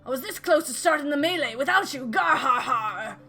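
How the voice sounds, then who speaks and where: Boisterous game arena announcer played by a woman, male showman, theatrical patter, bright forceful delivery. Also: high voice, animated, fairly quick, faint music behind. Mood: gruff, jovial. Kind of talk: video game dialogue read aloud in character.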